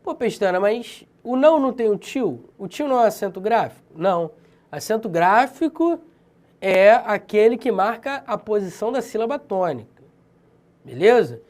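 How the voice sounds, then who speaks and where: Lively slangy Brazilian man teaching. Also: high-pitched. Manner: slangy, emphatic, keeps checking in with "beleza?". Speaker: Portuguese teacher for civil-service exams. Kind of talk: casual exam-prep lecture.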